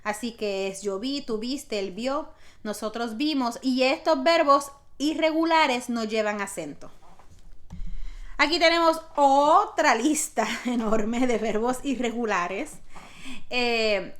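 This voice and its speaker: A woman's voice: on the high side, takes it slowly, a bit bright. A woman teaching a grammar lesson, patiently explaining step by step with spoken examples. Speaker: Spanish teacher.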